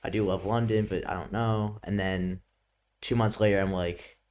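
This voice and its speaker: A young adult man from Brooklyn, New York, appears as a student guest, chatting casually in a New York accent. His voice sits on the low side, a little mellow, with fairly even intonation and normal speed. Laid-back, he laughs often and peppers his speech with "like."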